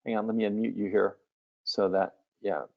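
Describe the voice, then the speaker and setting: A man's voice: on the low side, flat delivery, normal speed, highs cut off. A man hosting a live webinar Q&A as a coach, talking bluntly and casually and swearing freely.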